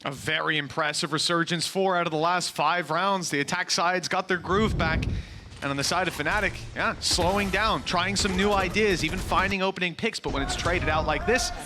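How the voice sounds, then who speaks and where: Male esports caster for live match commentary. Fairly high voice, clear noise and clicks behind. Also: fairly quick.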